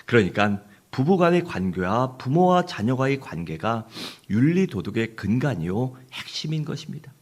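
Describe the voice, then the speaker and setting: Husky guy pastor doing a sermon story, voice goes up and down a lot. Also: medium pitch, normal speed, few pauses. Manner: animated storyteller, acts out characters. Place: church.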